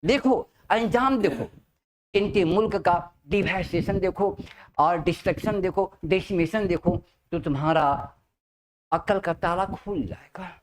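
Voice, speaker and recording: A man teaching spoken English to a class, mixing Hindi and English, stretching out key English phrases slowly and often asking whether his students understand. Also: high voice, slight background noise. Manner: lively, drawn-out emphatic English phrases, checks understanding often.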